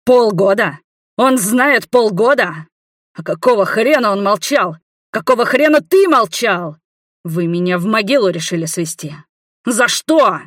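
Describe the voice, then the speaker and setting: A woman voicing a distraught man with a weak heart, shouting in slow, heavy anguish in an audiobook. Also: fairly low pitch, no echo, clean studio sound, close to an everyday voice. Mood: angry phone rant.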